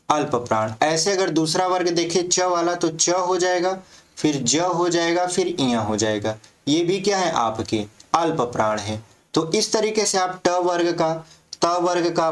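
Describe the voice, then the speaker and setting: Hindi teacher asking and answering himself. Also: male voice, on the high side. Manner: asks questions and answers them himself; spells out letters slowly. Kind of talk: exam-prep grammar lesson.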